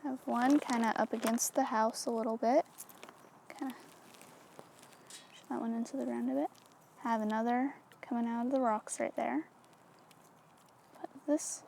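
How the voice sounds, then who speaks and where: Chatty woman with a slightly high voice. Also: steady tone, moderate pace, vocal fry, long pauses, darkish tone, a little hiss or hum. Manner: chatty and easygoing, with many fillers like "so" and "like". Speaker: craft tutorial host. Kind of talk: casual step-by-step craft demonstration.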